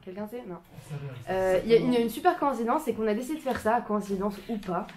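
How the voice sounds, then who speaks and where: A young woman in her twenties the suburbs, giving an informal talk to a small group in a community room, filmed by a camera. She hesitates often, restarts and fills pauses. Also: on the high side, darkish tone, a little hiss or hum. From France, Paris suburbs. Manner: hesitant, many fillers and restarts, self-conscious laughter.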